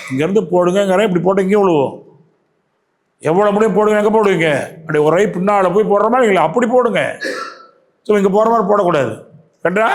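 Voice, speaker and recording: A yoga teacher with a Tamil Nadu accent delivers a spiritual talk to his class in a high-pitched voice. He keeps posing questions to his listeners, repeats key phrases, and recites verses slowly.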